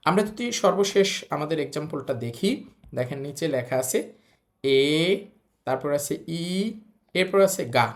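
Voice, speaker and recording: A language teacher gives a recorded lesson. The teacher explains patiently, repeating points and spelling out syllables one by one. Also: medium pitch.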